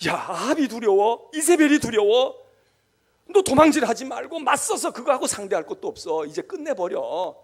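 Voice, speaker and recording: A preacher voicing God, blunt and commanding. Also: male voice, very high-pitched, sing-song, normal speed, husky, heavily acted. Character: God commanding a weary prophet, blunt and forceful.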